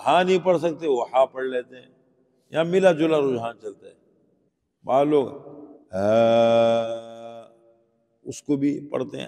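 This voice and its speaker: A man's voice: a little high, a little mellow. A man teaching Quran pronunciation in a class, patiently asking his students questions and sounding out the letters. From Pakistan. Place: mosque teaching hall. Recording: long hall reverb.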